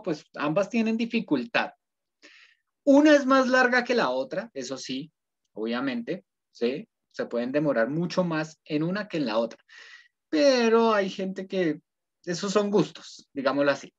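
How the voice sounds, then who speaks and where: A male ethics teacher, giving an online class in a conversational way, often checking in with students and rephrasing his points. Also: fairly high pitch. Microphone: computer mic on a video call. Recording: dull lo-fi video call audio.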